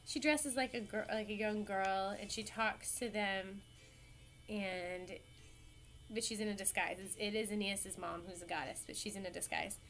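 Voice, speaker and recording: A woman teacher talks her class through an old epic in an easygoing, chatty way. Her voice sits at an ordinary middle pitch. She stops to fix her own words and throws questions out to the room. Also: fairly even intonation, moderate pace, fairly bright tone, faint music behind. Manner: casual, chatty, self-correcting storyteller. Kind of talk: classroom lecture.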